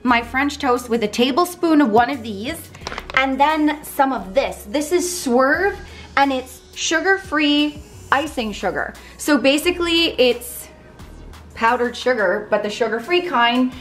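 A woman's voice: high-pitched, animated, a little slow, fairly bright tone, soft background music. A woman in her thirties chatting while she cooks breakfast in her home kitchen, upbeat and casual. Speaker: vlogger sharing meal prep. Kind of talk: casual cooking vlog. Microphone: handheld camera held close.

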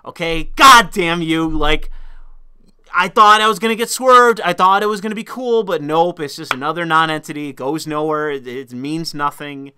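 A man ranting through a film review, swearing and swinging from low mutters to sudden shouted outbursts in exasperation. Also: moderate pace, smooth. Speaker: movie reviewer.

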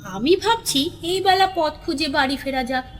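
A woman reading a classic children's story aloud in a lively, expressive way. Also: high-pitched, normal speed, a little hiss or hum. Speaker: narrator.

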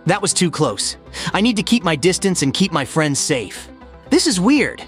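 A man's voice: high voice, big pitch swings, moderate pace, faint music behind. A man voicing a cocky, casual young hedgehog hero in a comic dub, breezy and slangy. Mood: pensive.

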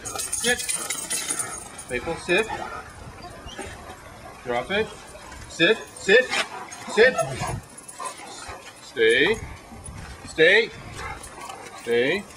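A man's voice: high-pitched, big pitch swings, drawn-out words, long pauses. A man by a lakeshore giving firm, short commands to dogs, heard from a distance. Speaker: dog owner giving commands. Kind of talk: casual outdoor talk. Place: lakeshore outdoors. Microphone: distant camcorder mic. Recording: noisy distant camcorder audio.

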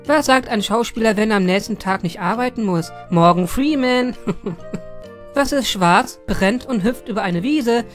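A woman's voice: a little high, normal speed, faint music behind. A woman hosting a joke channel, reading viewer jokes aloud and giggling after the punchlines with amused little asides.

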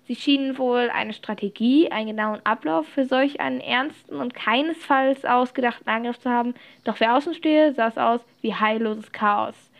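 A woman narrating a storybook chapter aloud, reading lively with occasional slips and restarts. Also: on the high side, moderate pace, gravelly, few pauses. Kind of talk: audiobook reading.

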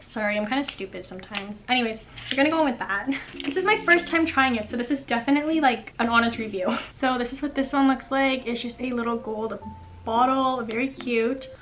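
A beauty vlogger in her twenties chats bubbly through a makeup routine in her bedroom, full of fillers and small laughs. Her voice is on the high side and fairly bright, picked up by a camera on a tripod at arm's length, with a little hiss or hum.

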